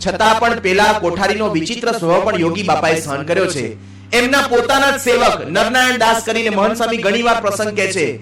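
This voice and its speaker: High-voiced monk preaching in a hall. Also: male voice, a bit bright, slight background noise. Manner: quick narration, briefly voicing characters in lower tones. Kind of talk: storytelling sermon. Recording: echoey hall, distant mic.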